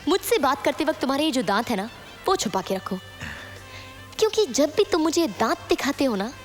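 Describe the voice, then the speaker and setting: A sharp-tongued young woman, scornful and insulting. Her voice is high and swings widely, with film music under it. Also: sing-song, fairly quick. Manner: sarcastic and insulting. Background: film score music.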